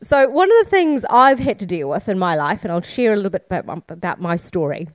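In a studio-quality recording with no room sound, a woman with a mid-range voice speaks a little fast and very animatedly. She's a keynote speaker and founder, born in Sri Lanka and raised in Scotland and New Zealand, using rhetorical questions and emphatic repetition at a conference.

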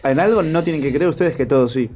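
A man's voice: fairly high pitch, darkish tone, faint music behind. A man with a Rioplatense Argentine accent hosting a casual studio chat, playful and teasing as he quizzes his co-hosts, bothered by hiccups. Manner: playful, teasing, quick to banter. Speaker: show host.

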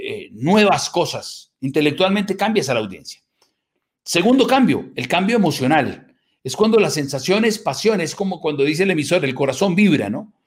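Guy lecturing a workshop, kinda high voice, punchy lists and lots of "right?" tags. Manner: emphatic lists and rhetorical tag questions. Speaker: workshop speaker. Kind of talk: motivational lecture to a live audience.

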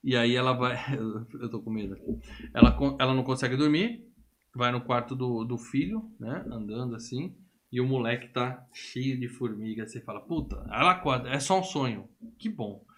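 Guy on a podcast, retells movie scenes, acts out the lines, swears a lot, mid pitch. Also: moderate pace. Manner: animated storyteller, acts out characters' lines, swears freely. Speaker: podcast co-host. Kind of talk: casual chat.

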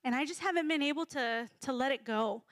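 A woman's voice: sits high, brisk, dry recording, studio quality. A woman in her thirties giving a casual, humorous sermon to a congregation, chatty and full of fillers. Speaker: speaker at a church gathering.

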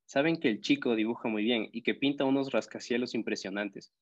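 A man narrating a children's audiobook in a steady reading voice. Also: medium pitch, fairly quick, dull audio. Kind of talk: scripted storybook narration.

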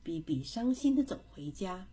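Soft breathy lady reading a kids' bedtime story, slow and kinda sing-songy, high voice. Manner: gentle, expressive. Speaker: children's storyteller.

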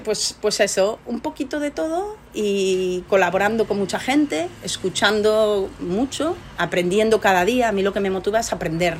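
A woman's voice: mid-range voice, slight background noise. A middle-aged woman scientist answering interview questions, telling her story with animation and many rhetorical tags. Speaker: scientist guest.

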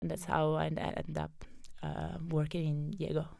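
In this casual interview, the southern Italian data scientist talks in a deep, flat voice with vocal fry and a darkish tone at a moderate pace. She laughs and uses fillers often, and the studio-quality recording has no room sound.

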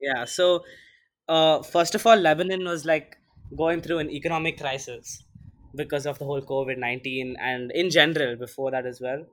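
A man's voice: on the high side, steady tone, moderate pace, fairly bright tone. A teenage boy from India co-hosting a casual podcast, talking loosely with lots of fillers. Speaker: podcast co-host.

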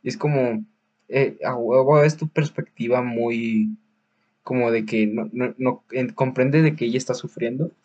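A man with a Mexican Spanish accent chats casually about films as a podcast host, circling his points with fillers, restarts and street slang. His voice is husky and sits in a middle pitch. The recording sounds dull and lo-fi. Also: measured pace, darkish tone. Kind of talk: casual film review chat.

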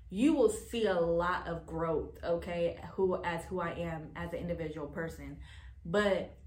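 A young woman telling a personal story straight to camera, animated and frank, swearing and calling viewers baby and child. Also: fairly low pitch. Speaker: vlogger. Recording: roomy room with faint noise.

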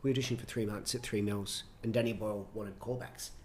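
A middle-aged man, a choreographer and director, telling stories with animated enthusiasm in an interview. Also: lowish voice, brisk, slight background noise. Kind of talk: conversational interview. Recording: roomy echo, faint ambience.

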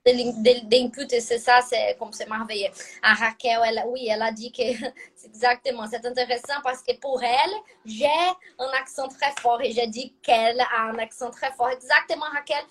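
Brazilian woman, native portuguese, high voice, chatty and giggly, mixes languages. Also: normal speed, breathy edge. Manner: animated, laughs often, switches between languages mid-sentence. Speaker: conversation partner asking questions. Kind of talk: casual multilingual chat.

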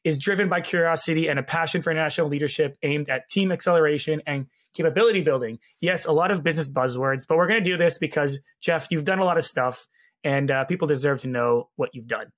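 A man hosting a podcast in casual interview chat, his voice hoarse, raspy and gravelly from laryngitis. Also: fairly high pitch, fast. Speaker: podcast host. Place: home guest bedroom or office.

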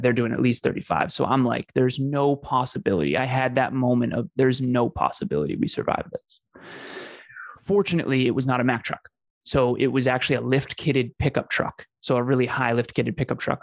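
Man, gravelly, dry close sound, earnest storytelling. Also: medium pitch, no room sound. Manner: earnest, emphatic, repeats phrases for effect. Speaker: podcast host telling his story as a guest. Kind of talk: conversational storytelling.

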